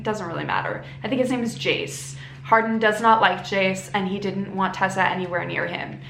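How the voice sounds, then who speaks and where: A woman telling a story as a book reviewer in a casual, rambling, slightly tipsy way, animated and acting out reactions with exaggerated emphasis. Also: a little high. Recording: roomy echo with background noise.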